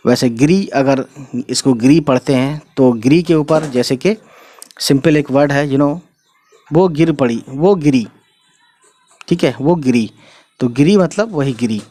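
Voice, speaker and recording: A man's voice: medium pitch, a little slow, pauses often, dark tone. A man patiently teaching Urdu letters step by step in an explanatory lesson, often checking in with the listener.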